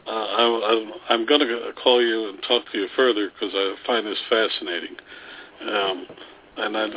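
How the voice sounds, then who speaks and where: A man hosts a radio interview, stumbling through restarts and fillers as he introduces and questions his guests. The sound is narrow and tinny, like a phone line. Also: on the low side. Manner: halting, with many ums and restarts. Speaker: radio show host. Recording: phone-like band.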